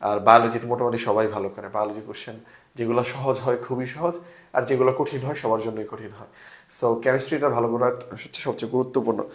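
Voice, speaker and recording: A man's voice: medium pitch, steady tone, rapid-fire, roomy sound. A young man from Bangladesh tutoring an admission test class in a casual way. He asks questions and answers them himself, and he drops English words into his talk. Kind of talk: casual online exam-solving class.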